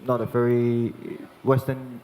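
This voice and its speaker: A young chef from Hong Kong talks an audience through a live cooking demonstration. He explains each step patiently but haltingly, restarting his phrases often. His voice rings with the long reverb of a large hall. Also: mid-range voice, monotone, warm tone, a little hiss or hum.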